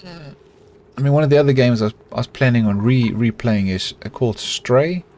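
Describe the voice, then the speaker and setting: There's a little hiss or hum on the recording as a middle-aged South African man comments live on his colony-building game. Speaking at a moderate pace in a mid-range voice, he's relaxed and chatty, engaging his chat and talking to himself as he builds.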